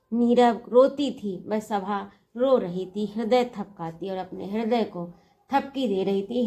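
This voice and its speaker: A woman's voice: medium pitch, darkish tone. A woman teacher explaining a poem, reciting each line and then paraphrasing it in simple words. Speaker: Hindi teacher.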